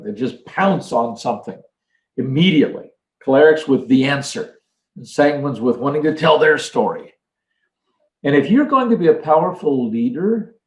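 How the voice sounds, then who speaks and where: Older man, mid-pitched voice, earnest coach, echoey room. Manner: earnest, storytelling with acted quotes. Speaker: leadership trainer. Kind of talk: motivational talk.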